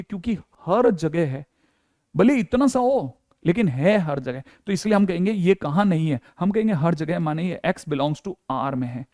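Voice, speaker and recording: Chatty, fairly high-voiced male maths teacher. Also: darkish tone, no room sound, clean studio sound. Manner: chatty, repeats "ठीक है" often, acts out students' questions. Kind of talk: classroom lecture at a board.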